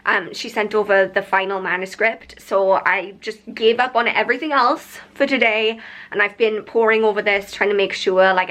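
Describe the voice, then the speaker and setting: A young woman vlogging casually to camera, chatty and excitable, rambling with lots of "like"s and sounding tired. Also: mid-range voice. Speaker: vlogger and author. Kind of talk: casual vlog chat to camera.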